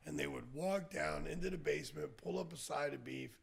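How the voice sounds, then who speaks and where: A man hosting a podcast who tells stories in a casual chat and acts out quotes loudly. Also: a little high, a little fast. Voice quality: gravelly, husky voice. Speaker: podcast host and bar owner.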